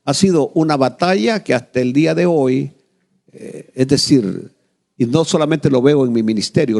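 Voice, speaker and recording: A man's voice: medium pitch, vocal fry. A middle-aged male pastor, preaching a sermon and telling a family story, acting out the voices and asking the congregation questions. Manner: animated storytelling, acts out quoted voices, asks the congregation questions.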